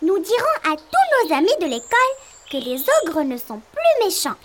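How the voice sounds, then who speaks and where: A woman's voice: extremely high pitch, huge pitch swings, normal speed, a little hiss or hum, exaggerated voice. A woman voicing a small, cheerful little boy who leads his brothers, in an eager childlike voice. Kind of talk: storybook voice acting.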